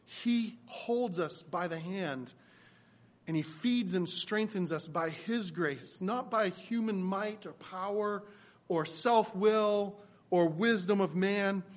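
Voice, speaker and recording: Pastor preaching, high voice, gets loud then goes real soft. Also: male voice, takes it slowly. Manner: builds to loud emphatic peaks, then drops soft and low. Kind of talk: sermon.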